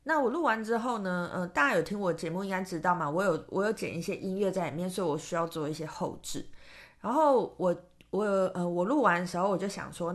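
A woman with a Taiwanese Mandarin accent hosting a solo podcast, chatting casually and rambling with many fillers and restarts. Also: fairly low pitch. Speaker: podcast host and tarot reader.

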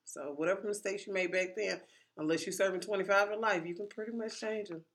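A woman in her thirties co-hosting a podcast, chatting in a jokey, animated way and acting out little voices. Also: mid-range voice, quick pace. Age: 30s. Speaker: podcast co-host. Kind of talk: casual chat.

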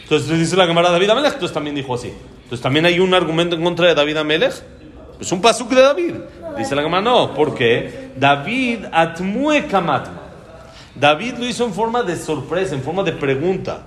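Male Torah teacher, slightly raised pitch, lively storytelling with fillers. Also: brisk. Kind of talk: Talmud lesson.

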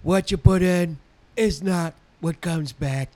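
A man's voice: on the high side, slow, darkish tone. A man putting on an old townsman's voice, warning ominously. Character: spooky old male townsman, ominous warner.

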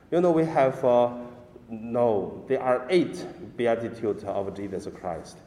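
A man preaches as a priest in a big echoing space like a cathedral. He is a non-native English speaker with a slow, halting, deliberate delivery. His tone is soft-edged and mellow, trailing long reverb. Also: medium pitch. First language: not English. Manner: halting, simple deliberate phrasing. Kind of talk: slow liturgical reading and sermon. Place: large reverberant indoor space. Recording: echoey church-like hall, long reverb.

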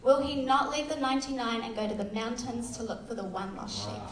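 An Australian woman who works as a youth worker shares a candid, self-deprecating church testimony full of fillers. Her voice is a little high, fairly quick and a bit bright, captured far from the mic in an echoey hall.

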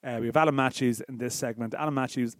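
A man's voice: medium pitch, steady tone, fast, no echo. An Irish man hosting a casual sports podcast, chatting in a bantering, teasing way. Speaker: podcast host.

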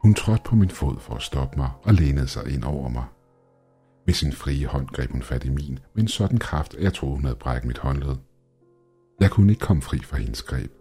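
A man narrating a scripted horror tale in a very low, dark voice. His tone is strongly husky and breathy, and his telling is tense and measured, with faint music underneath.

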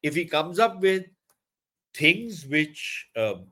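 North indian accent guy doing punchy political analysis, kinda high voice, really up and down, hops between languages. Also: sing-song, slow pace, bright, forceful tone. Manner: emphatic, code-switches into Hindi and Punjabi mid-sentence. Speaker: foreign policy commentator. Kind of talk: opinionated interview analysis.

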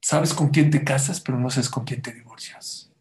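A man's voice: mid-range voice, moderate pace, darkish tone, a little hiss or hum. A man giving a sermon as a rabbi, telling stories and asking the audience rhetorical questions.

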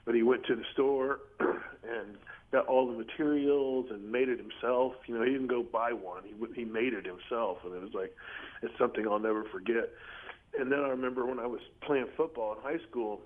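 A middle-aged man calling in to a radio show over the phone, talking in a halting way and clearing his throat often. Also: medium pitch. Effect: phone call heard over radio. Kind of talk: casual call-in talk. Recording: tinny phone line.

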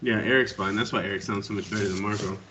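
A man co-hosting a casual podcast chat, joking and quick to explain things. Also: on the low side, fairly even intonation, noisy background.

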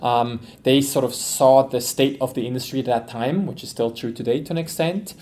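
A man from Switzerland, a company executive, giving relaxed, thoughtful interview answers on a podcast. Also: medium pitch, moderate pace.

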